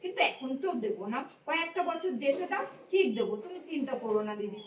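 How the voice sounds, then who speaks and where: A protective mother, voiced by a woman, talks fast and high, coaxing and pleading. She sounds a little distant from the microphone. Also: expressive, a little hiss or hum. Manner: soothing, pleading, defensive. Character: protective mother of grown son. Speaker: mother in family skit.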